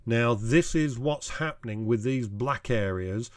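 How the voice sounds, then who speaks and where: A middle-aged man, a camera club president, explaining photography to club members in a plain, measured way with pauses and restarts. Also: mid-range voice, no echo.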